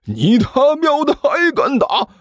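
A man voicing a hot-headed young man who shouts in a high, shrill, furious voice. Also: huge pitch swings, a little slow, husky, dry recording, heavily acted.

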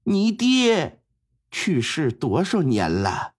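A man's voice: a little high, wildly swooping pitch, exaggerated voice. A man doing a tearful reproachful old mother. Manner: tearful scolding, drawn-out pleading. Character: grieving widowed mother, stern and reproachful.

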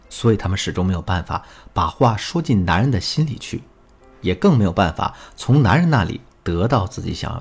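A man as a relationship coach, giving a recorded lesson in an animated storytelling way. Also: low voice, breathy edge.

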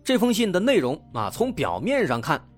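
A man's voice: high-pitched, wildly swooping pitch, normal speed, soft background music. A man narrates true crime stories in a conversational, explanatory way, posing rhetorical questions.

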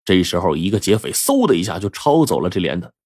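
A male storyteller with a husky, fairly low voice narrates a folk tale with lively, animated swings. The recording is close and dry. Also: fast, no echo. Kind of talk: oral storytelling.

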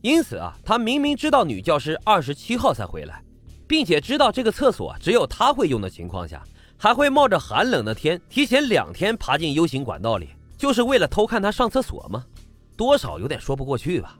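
A male true crime narrator with a slightly high voice. His delivery is highly animated, rising and falling sharply as he tells the story in a colloquial way and poses rhetorical questions. Faint music plays behind him. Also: fairly quick. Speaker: true crime podcast host.

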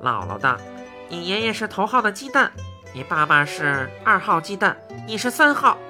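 A woman voicing a small red pig-like beast that shouts insults at everyone, in a storybook reading with faint music behind. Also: mid-range voice, sing-song, normal speed. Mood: cursing.

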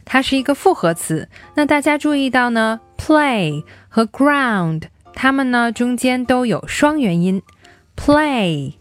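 A woman leads a children's English lesson, explaining words patiently and drilling them again and again. Her pitch rises and falls in a lively, sing-song way and sits a little high. Her voice is close and dry over soft background music. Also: a little slow, no echo.

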